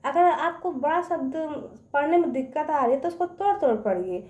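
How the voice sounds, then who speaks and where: A high-pitched woman gives a children's reading lesson. She stretches each word out slowly and keeps asking whether the class has understood. Her voice rings in an echoey room. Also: lively intonation, a little mellow. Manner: slow, stretched-out word-by-word dictation; keeps checking understanding with questions. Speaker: teacher.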